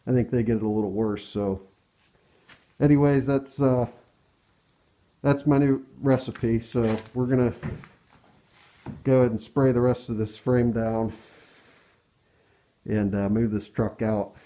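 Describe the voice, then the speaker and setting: An American man gives a casual hands-on walkthrough with his voice muffled by a respirator mask. His tone is mellow and mid-pitched. He speaks plainly and haltingly, feeling for his words as he works. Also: steady tone, slight background noise. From Pennsylvania, US. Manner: hesitant, halting, plain-spoken. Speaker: DIY truck restorer. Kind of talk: casual hands-on how-to talk. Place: cluttered workshop, indoors.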